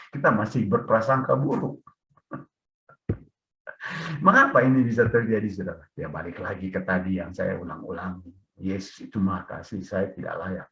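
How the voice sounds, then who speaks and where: A man preaching a testimony sermon, animated, swinging from loud pleading to near-whisper. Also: on the low side. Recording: echoey dull-sounding church recording.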